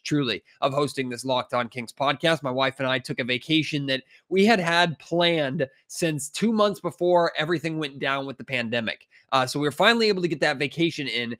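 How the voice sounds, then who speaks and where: Stuffed up with a cold, a man with a medium-pitched, slightly bright voice hosts casual sports podcast commentary. He sounds frustrated and emphatic, peppering his talk with fillers.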